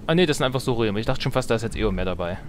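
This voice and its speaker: This let's player has a medium-pitched, animated voice and talks rapid-fire, with slight background noise. He jokes around and thinks aloud casually while strategy game music and effects play behind him.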